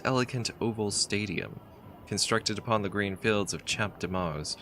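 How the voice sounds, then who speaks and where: A man with a very low voice plays a text adventure game and reads its story aloud. He has a bright, forceful tone. He chats casually and often trips over a word and starts it again. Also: a little hiss or hum. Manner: casual, chatty, with halting restarts while reading. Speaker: game player. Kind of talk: let's play, reading game text aloud.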